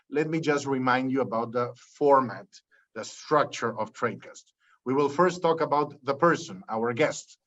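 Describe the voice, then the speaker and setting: In Peru, a man hosts an interview podcast, laying out the format and questioning his guest. His medium-pitched voice is a bit bright, and the audio is dull. He lists topics one after another and keeps restarting his phrases.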